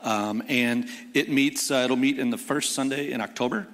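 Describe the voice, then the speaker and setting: A man giving a church announcement on stage in a plain, slightly halting way, speaking into a stage microphone in a church sanctuary. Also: mid-range voice, fairly bright tone. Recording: long reverb of a church hall.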